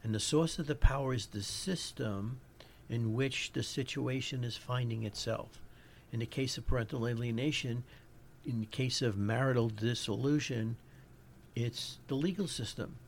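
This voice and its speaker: A man's voice: medium pitch, moderate pace, creaky, a little hiss or hum. A man with a New York accent hosting a podcast, giving an informal lecture as he searches for his words. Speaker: podcast host.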